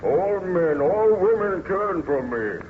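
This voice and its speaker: A man's voice: high voice, expressive, takes it slowly. A man playing a lonely, bitter, menacing monster in an old-time radio horror drama, with solemn, declamatory delivery. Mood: anguished. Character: lonely, bitter, menacing male monster who learned to speak. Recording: muffled, noisy vintage radio recording.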